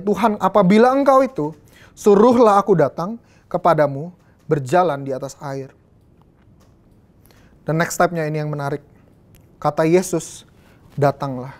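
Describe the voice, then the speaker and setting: A woman's voice: lowish voice, a little mellow. A young adult woman from Indonesia, preaching a youth sermon in a casual, slangy way with English phrases mixed in.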